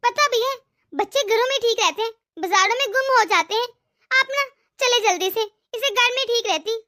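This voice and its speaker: A woman's voice: very high voice, moderate pace, sharp tone. A woman voicing a sweet-talking but scheming sister-in-law. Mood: sugary.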